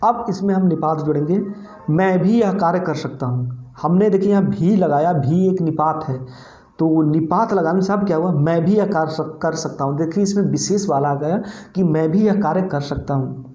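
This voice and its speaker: A man's voice: on the high side, moderate pace, dark tone, dull audio. Guy teacher going over grammar for exams, repeats examples a lot, echoey room sound. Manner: explains step by step, repeats examples, asks and answers own questions. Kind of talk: exam-prep grammar lesson.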